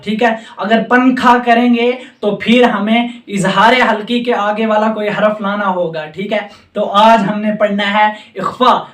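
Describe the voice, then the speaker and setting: A man's voice: high-pitched, fairly bright tone, recorded from a distance. A man from Jammu and Kashmir teaching Quran recitation rules at a board, patiently drilling each sound and repeating reminders. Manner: patient, repetitive drilling of sounds, often says remember. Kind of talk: tajweed lesson at a board. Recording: echoey room, speaker away from mic.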